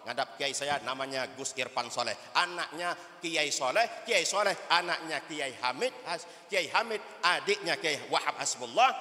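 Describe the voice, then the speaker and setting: A man's voice: a little high, sharp tone. A middle-aged man from Sumatra giving a humorous sermon, telling jokes and stories. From Sumatra (Bangko, Jambi). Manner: joking, storytelling, mixing in Javanese. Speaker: preacher. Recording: echoey hall from a distance.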